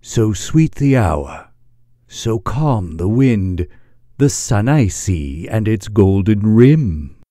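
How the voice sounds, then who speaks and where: A man's voice: on the low side, sing-song, slow pace, mellow. A man voicing a magic mirror's mystical mask, reciting theatrical rhymes in a grand, incantatory manner. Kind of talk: theatrical spell-like verse.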